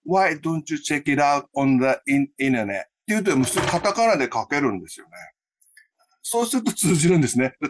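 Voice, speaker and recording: A man who teaches English pronunciation, explaining his method in an interview with a lively, explanatory manner. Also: mid-range voice. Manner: lively, explanatory, many fillers.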